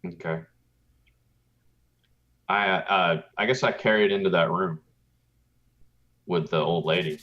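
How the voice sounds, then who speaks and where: A man's voice: deep voice, unhurried, pauses often, fairly bright tone. A man player in a tabletop game, asking questions in a slightly confused way. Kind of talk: casual tabletop play. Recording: dull lo-fi sound.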